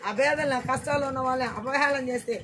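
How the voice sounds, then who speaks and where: High-pitched preacher calling for amens. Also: fairly even intonation, racing, a crowd in the background. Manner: repeats lines and calls for loud amens. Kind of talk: Telugu church sermon.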